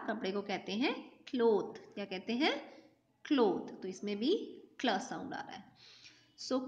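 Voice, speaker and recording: A woman's voice: on the high side, dull audio. A woman teacher, giving a class lesson patiently, asking questions and answering them herself.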